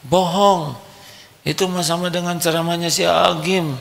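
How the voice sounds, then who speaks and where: A man's voice: fairly high pitch, fairly even intonation, moderate pace, creaky, pitched above the performer's own voice. Figure: a nagging suspicious wife , as a man puts her on. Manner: accusing, sharp retorts.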